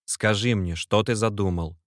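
A man's voice: fairly low pitch, moderate pace, no echo, close to an everyday voice. Man voicing a young clerk, anxious, pleading, cries out, dry close sound. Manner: pleading, agitated, shouting. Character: anxious devoted young male clerk friend.

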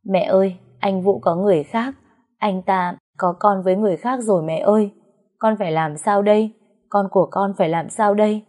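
A woman's voice: medium pitch, normal speed, warm tone, natural voice. A woman voicing a heartbroken young wife who pleads tearfully and insistently. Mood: sobbing.

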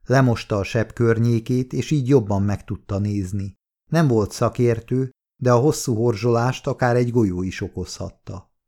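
A man reading an audiobook in a steady, measured scripted narration. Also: medium pitch.

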